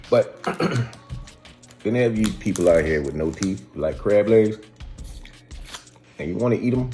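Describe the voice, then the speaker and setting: American man, animated intonation, casual video host, colloquial and folksy, light music behind. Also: low-pitched. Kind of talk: casual how-to vlog chat.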